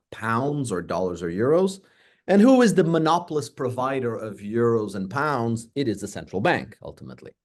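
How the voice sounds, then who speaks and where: A middle-aged man from Portugal, an economics professor, explaining in a measured, lecturing way with rhetorical questions. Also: medium pitch, darkish tone.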